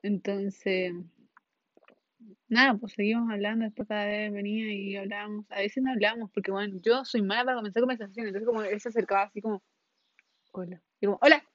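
A young podcast host from northern Chile, speaking with a Chilean accent, rambles through a personal story in a casual, scattered monologue packed with slang and frequent laughter. Her voice is medium-pitched, steady and fast, and the recording is muffled.

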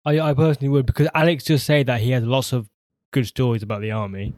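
A young man chatting casually on a podcast, agreeable and quick to go along with the others. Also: medium pitch, fairly even intonation, darkish tone, no echo. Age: young adult. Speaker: podcast co-host. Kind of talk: casual chat.

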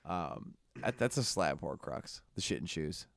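A young man telling a story on a podcast, animated and laughing, swearing often. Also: sits low, unhurried, creaky, dry recording, studio quality. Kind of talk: casual storytelling.

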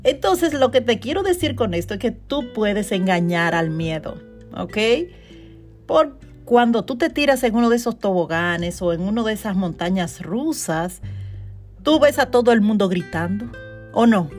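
Animated woman coaching podcast. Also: mid-range voice, normal speed, soft background music. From Dominican Republic. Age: 40s. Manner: animated and chatty, laughing often. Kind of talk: motivational podcast monologue.

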